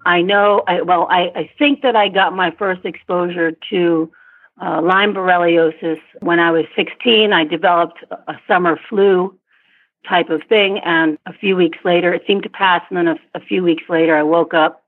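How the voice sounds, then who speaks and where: A middle-aged woman talks through an interview, pausing and restarting as she gathers her thoughts. Her voice is a little husky, and it comes through a narrow, tinny phone line. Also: lowish voice, fairly even intonation. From born in Vietnam, raised in Asia and Africa. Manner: thoughtful, with frequent restarts and light laughs. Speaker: interview guest.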